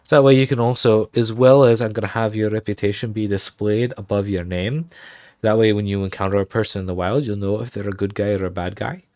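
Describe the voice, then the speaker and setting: Fairly quick and a little mellow, this lowish male voice keeps a fairly even intonation in a dry, studio-quality recording. A streamer adopting a fake Irish accent, he builds a game on stream, musing aloud and murmuring commands as he types.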